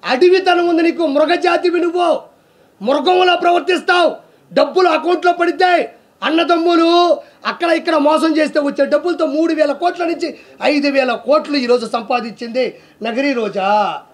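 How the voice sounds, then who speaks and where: A man's voice: very high-pitched, moderate pace. A man, a comedian, delivering a heated, sarcastic political rant, scolding and mocking with one rhetorical question after another. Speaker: comedian giving political commentary.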